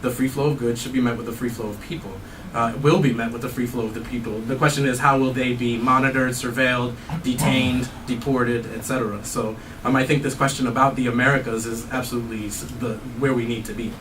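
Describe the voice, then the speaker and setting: A man's voice: mid-range voice, steady tone, fast talker. Academic man answering questions, distant mic. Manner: thoughtful, frequent fillers and restarts. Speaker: anthropology professor giving a talk. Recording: distant mic, faint noise.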